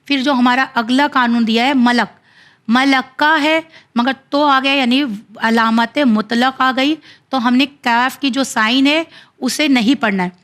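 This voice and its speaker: A woman teaching children the rules of Quran recitation, explaining step by step with slow, drawn-out example readings. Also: high voice, steady tone, a bit bright.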